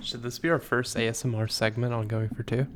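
A male podcast co-host in casual after-show banter, his voice fuzzy and clipped with distortion from talking too loud into the mic. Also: medium pitch, little pitch movement, brisk, a little hiss or hum.

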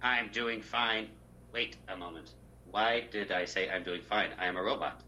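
A man's voice: lowish voice, normal speed, pushed and bright, slight background noise. A man voicing a male robot sidekick that glitches and breaks into error loops. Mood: glitching. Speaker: podcast co-host. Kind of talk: comic robot impression.

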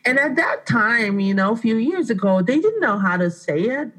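Her voice is fairly high and fairly bright, with a sing-song lilt at a moderate pace, on a slightly rough recording. She is a Brazilian woman in her thirties who owns an art studio, and she speaks English with a Brazilian Portuguese accent. As a radio interview guest, she tells her life story earnestly and from the heart, frequently restarting.

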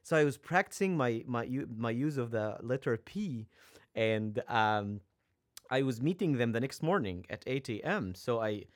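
A man's voice: mid-range voice, lively intonation, moderate pace. A young man from Egypt, a native Arabic speaker with an Egyptian accent, chatting as a podcast guest in a hesitant way with frequent ums and restarts. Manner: hesitant, many ums and restarts, laughs often. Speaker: seminary student guest. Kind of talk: casual interview chat.

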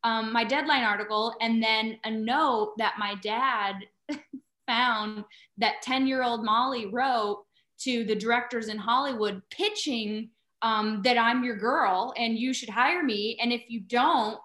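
A woman in her thirties, an actress guest telling stories in casual chat, animated and laughing often. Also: fairly high pitch, a little slow, reverberant.

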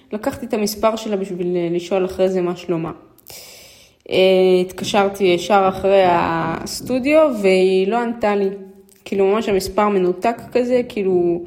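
Speaking at medium pitch with a darkish tone, an Israeli-accented woman vlogs about her own experiences and appeals to her audience. Her delivery is casual and hesitant, with phrases repeated for emphasis.

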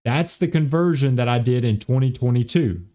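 A man's voice: medium pitch, moderate pace, mellow. A young man hosting a finance podcast, explaining retirement accounts step by step and checking in with the listener as he goes. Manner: repeats key points, checks in with "okay?" and "right?".

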